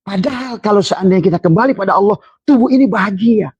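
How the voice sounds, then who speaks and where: A man delivers an Islamic sermon, his husky voice swinging up high for emphasis. He slows down to chant Arabic verses. The recording is dry and a little dull, with no room echo. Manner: animated, voice rising high for emphasis and quoted figures, chants Arabic verses slowly. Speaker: preacher.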